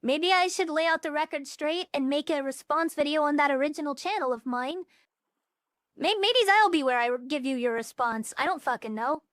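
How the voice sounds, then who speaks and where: Blunt, profane high-voiced young woman streamer. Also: moderate pace, a bit bright, no room sound, clean studio sound. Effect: voice changer turned down to a more natural tone. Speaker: VTuber streamer. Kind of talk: casual livestream chat.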